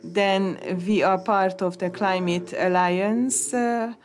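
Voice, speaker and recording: A woman interpreting conference talks into English, halting, with many hesitations and restarts. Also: mid-range voice, steady tone.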